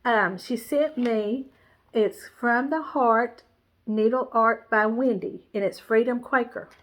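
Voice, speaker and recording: Speaking slowly in a voice on the high side, a woman rambles warmly about her cross-stitch supplies during a casual show-and-tell chat. A stuffy, congested nose gives her a nasal sound, and she uses lots of "um"s, fillers and restarts.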